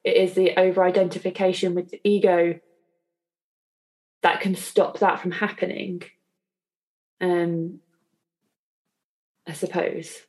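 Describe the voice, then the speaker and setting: A woman with a fairly low voice co-hosts a podcast. She talks in a reflective, unhurried chat, trailing off and circling back with fillers as she thinks. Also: little pitch movement, a little mellow. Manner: thoughtful, hesitant, many fillers. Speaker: podcast co-host.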